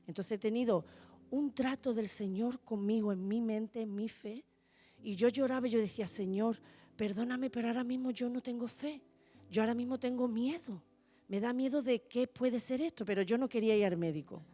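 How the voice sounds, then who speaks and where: Lady sharing her testimony in church, warm mellow voice, heartfelt, talks to the congregation as brothers. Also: a little high, normal speed. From Spain. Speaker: church member giving testimony. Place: church hall.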